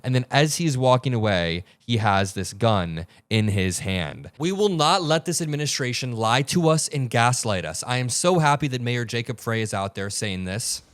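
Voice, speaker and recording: A man's voice: mid-range voice, lively intonation, normal speed, hardly any pauses, no echo. Young male commentator, host of an online news show, emphatic and blunt, dry close recording.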